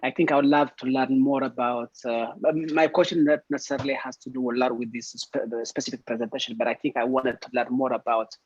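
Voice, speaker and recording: A husky man from Ethiopia speaks over a dull, lo-fi video call line in a dry, close sound. He talks at a middling pitch and pauses often with fillers as he works through his question. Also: level tone, dry recording. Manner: hesitant, many fillers. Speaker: webinar attendee.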